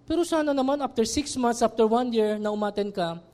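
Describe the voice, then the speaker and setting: A middle-aged male pastor preaching a sermon in an animated way, mixing in English. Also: very high-pitched, a little fast.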